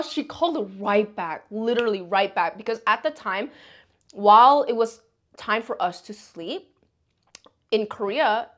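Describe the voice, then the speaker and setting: A young woman tells a personal story to the camera in an animated, conversational way. Her speech is casual and peppered with profanity. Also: fairly high pitch. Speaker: vlogger. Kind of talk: casual storytime while eating.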